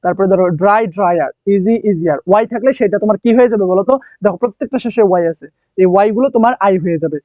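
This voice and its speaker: A man's voice: high voice, fast, no echo, narrow, tinny audio. A man with a Bangladeshi Bengali accent teaching an English grammar lesson, explaining step by step and often checking understanding, with thinking-aloud fillers and self-corrections.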